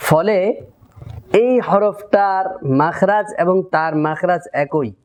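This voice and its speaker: A man teaching Quran pronunciation in a methodical tajweed lesson, repeating syllables deliberately for learners to copy. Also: sits high, a little mellow. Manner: drills letter sounds, repeats syllables deliberately.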